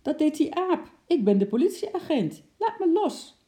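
A cross village policeman in a read-aloud storybook, scolding sternly, as a narrator plays him. The voice is gravelly and dark. It stays close to the narrator's own. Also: mid-range voice, wildly swooping pitch, moderate pace. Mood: indignant. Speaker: storybook character.

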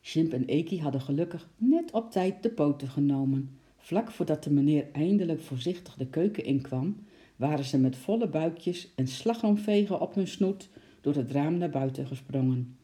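A storyteller with a mid-range voice, moving at a moderate pace, reads a children's book in an animated, expressive way and acts out the sound effects in the text.

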